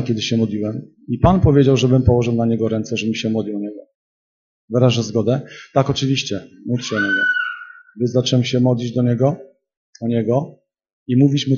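A man preaching a charismatic sermon to a congregation in a church hall. He rises to loud, emphatic peaks and drops to quiet storytelling. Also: mid-range voice, muffled recording.

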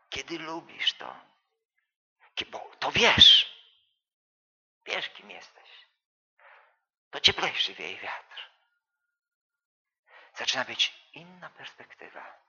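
Lively, bright-voiced male preacher. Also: a little high, very slow, pauses often, breathy edge, lo-fi sound. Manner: rhetorical questions, repetition, swings from soft to loud. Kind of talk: sermon.

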